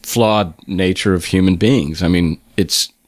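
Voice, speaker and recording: A man's voice: sits low, a little slow, no echo, studio quality. A middle-aged man hosting a podcast interview, casually talking and often restarting his sentences. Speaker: podcast host.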